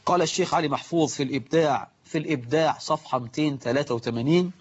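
Egyptian preacher with a dull recording. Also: male voice, a little high, breathy edge. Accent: Egyptian Arabic. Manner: lively, mimics worshippers, scolds, slows to recite quotations. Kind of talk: religious lesson on prayer.

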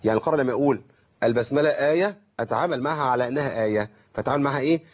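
Fast-talking Egyptian man teaching recitation. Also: medium pitch, muffled recording. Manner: explains with rhetorical questions and slow drawn-out demonstrations. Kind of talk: call-in tajweed lesson.

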